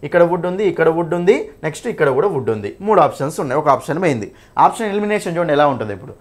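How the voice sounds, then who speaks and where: Man, grammar teacher, rapid delivery, repeats rules, asks "okay?". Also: on the high side, very animated. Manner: repeats points, checks in with "okay?"; mixes English terms into Telugu. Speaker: English teacher. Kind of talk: exam-prep grammar lesson.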